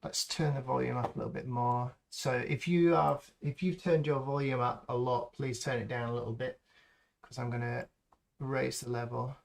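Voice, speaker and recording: A man hosting a live stream, calmly talking through a sound-design process step by step and thinking aloud as he works. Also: medium pitch, creaky. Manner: slow, thinking aloud as he works, with frequent ums. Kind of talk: unscripted tutorial walkthrough.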